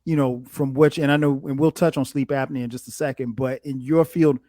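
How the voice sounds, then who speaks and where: A man with a mid-range voice hosts a relaxed, conversational interview. He talks in a colloquial, storytelling way, and the sound is close and dry. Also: mid-range voice, brisk, dry recording. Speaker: interviewer, host.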